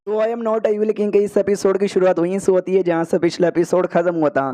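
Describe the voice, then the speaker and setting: A man's voice: high voice, flat delivery, mellow, soft background music. A man narrating a story recap in a casual, chatty, slangy way. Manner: chatty and slangy, rushing through the plot.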